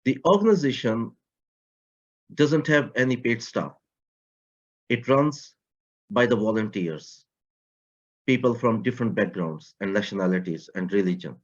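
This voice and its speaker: A man from Pakistan, giving a prepared talk on a video call about a community project, in measured, slightly English. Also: lowish voice. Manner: measured, slightly non-native grammar. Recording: muffled online call audio.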